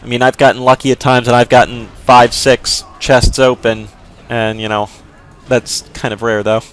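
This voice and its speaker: A man walks through a game while explaining it casually, his delivery flat and his pace normal. The voice sits at medium pitch, fairly bright, clear and resonant. He rambles, hedges, and leans on fillers throughout.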